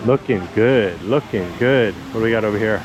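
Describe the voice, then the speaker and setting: A man with a lowish voice and moderate pace records a casual walk-and-talk on city streets, where he acts as vlog host and walking tour guide, chatting and explaining in a relaxed, informal way. Street noise, passing traffic, cars, and city ambience fill the background.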